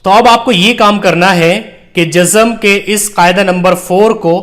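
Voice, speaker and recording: A man teaching Quran reading, slowly spelling out each letter and vowel mark and then explaining the rules in a patient way. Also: high voice, steady tone, fairly bright tone. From Pakistan. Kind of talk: slow spelled-out recitation lesson.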